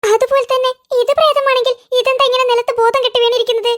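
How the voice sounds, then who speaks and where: A voice artist with a Malayali accent playing jittery, easily frightened young boys in a cartoon, chattering fast and wailing in fright. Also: extremely high pitch, little pitch movement, a bit bright. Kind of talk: cartoon voice acting.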